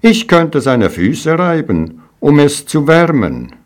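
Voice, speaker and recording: A man's voice: fairly high pitch, big pitch swings, takes it slowly, pitched above the performer's own voice. A man voicing a simple-minded male shepherd in a storybook reading, speaking in a raised, hopeful way. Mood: eager.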